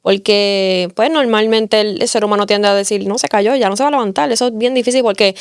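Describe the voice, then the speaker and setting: A woman's voice: medium pitch, fairly even intonation, fairly quick, clean tone, no room sound, studio quality. A woman, a guest on an interview, giving an earnest faith testimony and telling her story with repeated phrases for emphasis.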